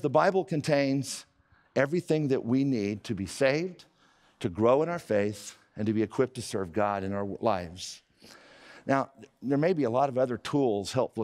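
A man's voice: medium pitch, a little mellow. A man in his fifties preaching a sermon from a church stage, earnest and emphatic, gesturing as he speaks. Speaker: pastor. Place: church stage with painted backdrop.

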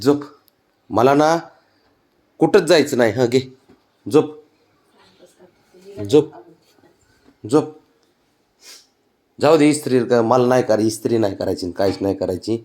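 A man talking casually to his pet cat, coaxing it in sing-song baby talk and sometimes dropping to soft murmurs. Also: medium pitch, measured pace, long pauses. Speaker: pet owner.

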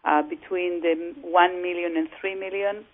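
A woman raised in Israel, a real estate broker being interviewed over the phone, speaking in a measured way with many fillers and restarts. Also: lowish voice, steady tone. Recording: tinny phone line.

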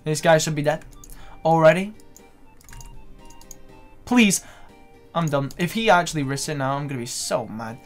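A young man doing live gameplay commentary, swearing and breaking into excited shouts. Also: fairly high pitch, a little fast, faint music behind. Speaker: gaming video creator.

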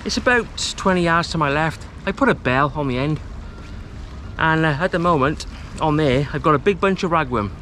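A fairly high-voiced man in his thirties talks to a camera mic while fishing on a rocky estuary shore. His talk is relaxed, chatty and self-deprecating. A faint hiss of outdoor noise sits under his voice. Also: normal speed. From Wales. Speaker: fishing vlogger. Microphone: camera mic, close framing.

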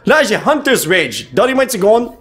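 A man giving live gameplay commentary, excitable, with frequent exclamations, shouts and English slang. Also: high voice, normal speed. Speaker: gaming YouTuber.

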